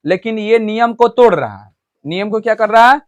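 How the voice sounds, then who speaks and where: A man's voice: high voice, expressive, moderate pace. A man teaching a classroom English grammar lesson. He explains step by step and keeps asking the students whether they have understood. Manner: switches between loud stressed points and quiet asides to the class.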